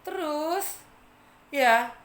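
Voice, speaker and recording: A woman's voice: high-pitched, expressive, very slow, a bit bright. A woman with an Indonesian accent telling a children's story in church, often asking the children questions. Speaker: Sunday school teacher. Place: church hall. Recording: echoey church hall, faint noise.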